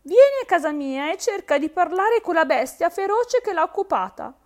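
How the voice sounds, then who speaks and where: A woman's voice: very high voice, very animated, moderate pace, a little mellow, pitched above the performer's own voice. A woman voicing a timid, frightened female hare in a spoken fairy tale, pleading and plaintive.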